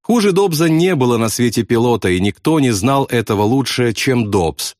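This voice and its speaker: A man narrating a novel in a steady, vivid literary reading. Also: mid-range voice, moderate pace, dry recording, studio quality. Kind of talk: audiobook narration.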